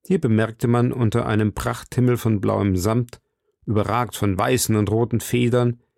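A man narrating a classic novel as an audiobook in a measured, steady way. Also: medium pitch, vocal fry, no echo, studio quality. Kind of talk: reading a classic novel aloud.

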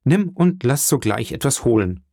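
A man reading an audiobook, voicing an earnest young sailor who talks excitedly to his father. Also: medium pitch, normal speed, gravelly, no echo, clean studio sound, pitched above the performer's own voice. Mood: eager. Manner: excited, pleading, raised voice. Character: eager young male sailor, earnest and devoted. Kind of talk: audiobook character voice.

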